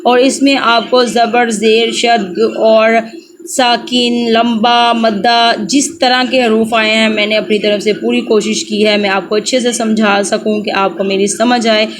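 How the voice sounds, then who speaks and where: A woman teaching beginners to read the Quran, spelling out each letter and sound slowly before reciting the verse. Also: a little high, little pitch movement, noisy background. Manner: slow, drawn-out letter-by-letter drilling.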